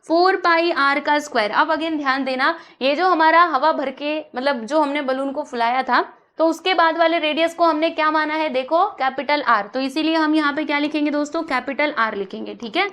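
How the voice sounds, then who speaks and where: A woman teaching a maths lesson, coaxing the class with questions she answers herself, slowing down to read the English problem text aloud. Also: sits high, fairly bright tone.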